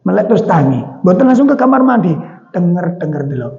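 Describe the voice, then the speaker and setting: Javanese-accented preacher, high voice, hall reverb. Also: male voice, sing-song, a little fast, vocal fry, a little mellow. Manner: chatty storytelling with questions to the audience. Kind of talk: mosque sermon. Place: mosque hall. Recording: dull sound with long hall reverb.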